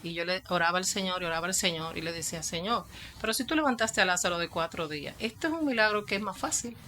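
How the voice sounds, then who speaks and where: Bright-voiced Dominican pastor woman telling a story. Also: fairly low pitch, fast, slight background noise. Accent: Dominican Spanish. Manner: storytelling that acts out quoted dialogue. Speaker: pastor and psychologist. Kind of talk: testimony in an interview.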